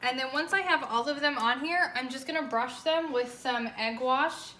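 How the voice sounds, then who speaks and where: A woman's voice: high voice, moderate pace, sharp tone. A woman hosting a home baking tutorial, talking the viewer through each step in a chatty, informal way. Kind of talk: casual step-by-step cooking demonstration. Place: indoor home kitchen with echo. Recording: echoey room, faint background noise.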